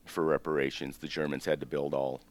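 A man in his fifties with an extremely low, rumbling voice speaks briskly as a guest in an interview. Born in Greece and raised in the United States, he tells his family story in a relaxed, rambling, meandering way, with frequent ums, restarts, and self-corrections.

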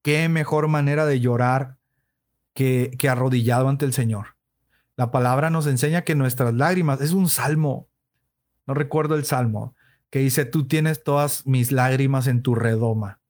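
A man's voice: medium pitch, moderate pace, darkish tone. Earnest man giving a faith testimony. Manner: earnest and conversational, with frequent "entonces" and "¿no?" check-ins. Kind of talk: casual testimony, talking to livestream viewers.

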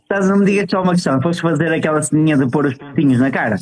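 A man with a European Portuguese accent hosts a relaxed chat. His pitch sits a little high, and his delivery is informal and halting, with some slang. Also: crowd noise. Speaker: host. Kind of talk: casual chat.

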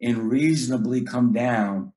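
The middle-aged coach's mid-range voice is mellow and measured as he chats casually yet earnestly. He often repeats himself and dramatizes the things he tells his basketball players.

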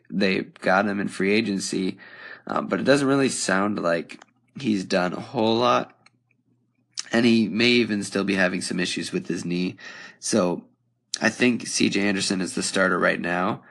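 A young man hosts a podcast on his own, musing out loud and filling pauses with ums. His voice sits very low with a gravelly, fry-laden texture. It sounds worn and slightly hoarse, as if he has been talking for a while. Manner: casual, thinking aloud with frequent ums. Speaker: podcast host. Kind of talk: solo podcast commentary.

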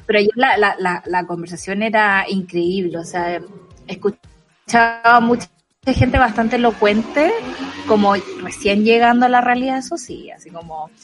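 A woman's voice: medium pitch, measured pace, faint music behind. A woman co-hosting a casual talk show, chatty and laughing often. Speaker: co-host. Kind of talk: casual chat.

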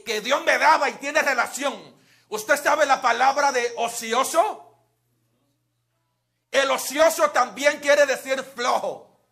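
High, gravelly bilingual preacher man. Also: pushed and bright. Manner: switches between Spanish and English, has the congregation repeat words. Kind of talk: bilingual sermon.

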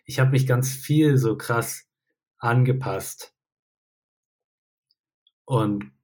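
A man speaking reflectively in a supportive personal conversation, asking gentle questions. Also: medium pitch, extremely slow, slightly rough.

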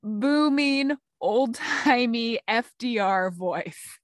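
A woman's voice: on the high side, animated, extremely slow, no room sound, clean studio sound. A woman co-hosting a podcast, chatting casually and laughing often as she tells and reads out stories. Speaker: podcast co-host. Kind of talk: casual chat.

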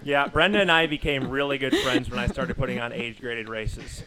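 Expressive and mid-range, the voice belongs to a thirty-something podcast host and running coach with a Southern US accent, speaking at a moderate pace in a studio. He reads a long run of race results as a scripted intro, then chats with fillers, over a loud crowd in a rough recording.

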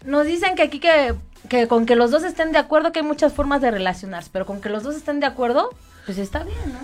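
A woman's voice: sits high, expressive, fast talker, soft background music. A woman co-hosting a casual radio chat show, laughing often and turning to her listeners with questions. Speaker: radio co-host.

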